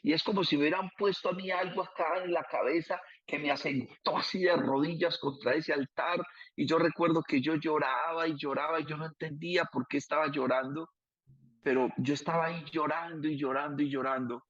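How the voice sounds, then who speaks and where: A middle-aged man with a Colombian Antioquia accent, telling his conversion story in an emotional, emphatic way and slowing down at key moments. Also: a little high, steady tone, a bit bright, breathy edge. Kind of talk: personal testimony, conversational storytelling. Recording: dull lo-fi sound.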